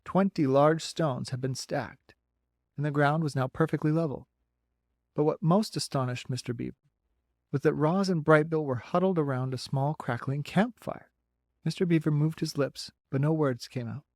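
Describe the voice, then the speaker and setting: A man narrating a children's novel as an audiobook in a steady, clear storytelling voice, recorded close to the mic. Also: fairly high pitch, normal speed, no room sound. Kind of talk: reading a children's novel aloud.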